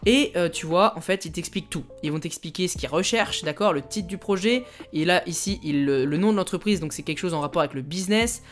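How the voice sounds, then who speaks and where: A man hosting a casual screen-share tutorial, talking to the viewer informally and often pausing to hesitate. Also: sits high, a bit bright, soft background music. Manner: chatty, addresses viewer informally, frequent hesitations. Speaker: online money-making channel host.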